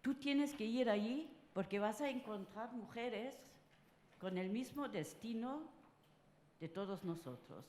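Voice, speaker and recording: An older woman from France speaking at a round-table panel, halting and full of filler sounds. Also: on the high side, animated, a little mellow, a little hiss or hum. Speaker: conference panelist. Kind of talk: personal talk at a round table. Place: conference hall. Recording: roomy conference hall sound.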